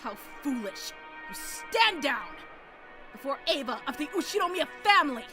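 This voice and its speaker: A woman's voice: high-pitched, big pitch swings, normal speed. A woman voicing an arrogant aristocratic lady who sneers at a servant, with music behind. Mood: scornful. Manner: sneering, imperious. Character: haughty arrogant noblewoman, scornful. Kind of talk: amateur read-aloud of a story. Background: music playing.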